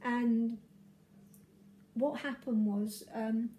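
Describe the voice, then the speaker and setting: A hoarse woman, a vicar, talking in a casual video diary, halting and full of fillers and restarts. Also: a little high, steady tone, warm tone, a little hiss or hum, rough recording.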